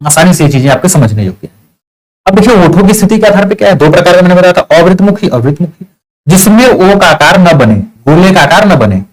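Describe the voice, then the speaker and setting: A man's voice: high-pitched, lively intonation, fairly quick, poor audio. A male teacher with a slightly raised voice and an eastern Uttar Pradesh Hindi accent. He walks through a grammar lesson step by step, asking questions and answering them himself. He stretches out vowel sounds to show how they are said. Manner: explains step by step, asks and answers his own questions, draws out vowel sounds.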